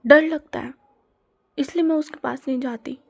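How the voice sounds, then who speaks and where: A dramatic, lovestruck teenage schoolgirl in an audio story, played by a woman narrator. She gushes in slangy, exaggerated bursts, and her voice sits high. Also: fairly even intonation, normal speed, gravelly. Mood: gushing. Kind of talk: Hindi audio story role-play.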